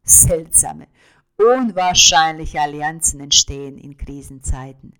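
Female audiobook narrator; bright, expressive reading. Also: sits low, slow.

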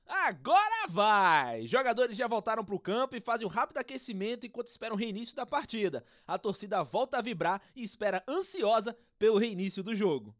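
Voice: mid-range voice, fast, few pauses, no echo, studio quality. A podcast host narrating scripted drama as football radio commentary, in a theatrical, urgent manner.

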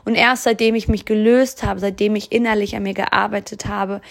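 A woman's voice: mid-range voice, fairly even intonation, moderate pace, creaky. A woman hosting a motivational podcast, earnestly encouraging the listener and speaking to them directly. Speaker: podcast host and coach.

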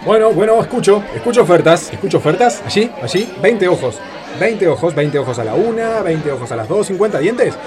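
A man voicing a brash auctioneer who chants bids loudly in a surreal audio drama. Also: sits high, expressive, a little fast, a crowd in the background. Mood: chanting bids. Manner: loud, chanting, repetitive bidding calls. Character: brash, rapid-fire male auctioneer.

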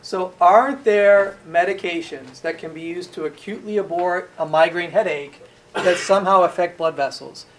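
A man's voice: high voice, normal speed, a bit bright, distant mic. A man teaching a pharmacology class, asking the students questions and then answering them himself. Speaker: pharmacology lecturer. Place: lecture room. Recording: echoey room, voice from afar, faint hiss.

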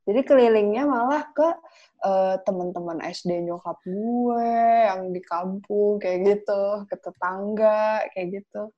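Young woman, Jakarta accent, casual slangy chat, medium pitch, slightly muffled lo-fi recording. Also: unhurried. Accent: Jakarta Indonesian. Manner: colloquial Jakarta slang with some English mixed in.

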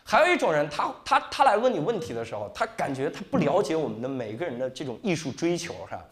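A young male comedian works a live stage set, spinning stories with constant little asides to the crowd. His voice sits high and leaps up and down with lots of movement. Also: fast. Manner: animated storytelling with frequent tag 哈 and 是吧. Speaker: stand-up comedian.

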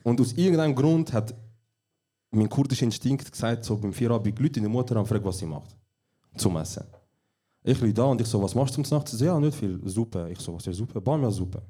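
A man's voice: mid-range voice, lively intonation, fairly quick, warm tone, slightly rough. A young man with a Swiss German accent, co-hosting a casual podcast recorded live, telling stories in a laid-back, dry way. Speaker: podcast co-host. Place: small venue, live recording.

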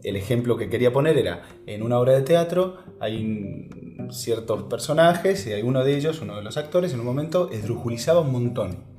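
A man's voice: mid-range voice, animated, a little mellow. Reflective Argentine man, echoey room. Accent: Argentine Spanish. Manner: reflective, halting with many restarts. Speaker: voice actor guest. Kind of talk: casual interview chat. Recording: echoey room with faint music.

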